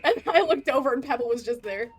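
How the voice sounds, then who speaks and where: A woman chatting casually on a gaming livestream, excitable and giggly, given to exclaiming. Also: fairly high pitch, fast talker. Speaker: game livestream host. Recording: clear background noise.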